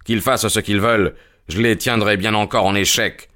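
Grim older colonel read by a man, very low and resonant, gruff and solemn; audiobook voice. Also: fairly even intonation, moderate pace, pushed and bright. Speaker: character in an audiobook reading.

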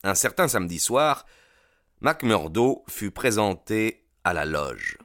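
A man narrating a story with measured, scripted storytelling. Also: lowish voice, big pitch swings, fairly bright tone, dry recording, studio quality.

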